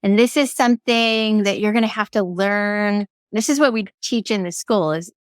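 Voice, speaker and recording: A woman guest on an interview, talking about energy healing in a lively, playful way and often acting out voices of people she quotes. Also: medium pitch, clear, resonant tone, no room sound, studio quality. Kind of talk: conversational interview.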